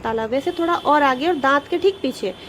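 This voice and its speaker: A woman teacher with a high voice walks young pupils through a grammar lesson step by step. She asks them questions and answers them herself, drawing out each letter slowly. A faint noise sits under the recording. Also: fairly bright tone, rough recording. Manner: patient, explains step by step, sounds out letters slowly. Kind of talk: Hindi grammar lesson for children.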